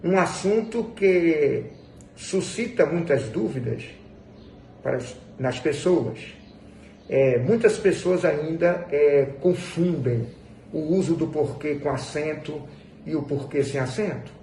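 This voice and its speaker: Male teacher, slow and halting, mellow voice, roomy echo, faint hiss. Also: on the high side. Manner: slow, deliberate, with hesitant fillers. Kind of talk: grammar lesson. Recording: echoey room with faint noise.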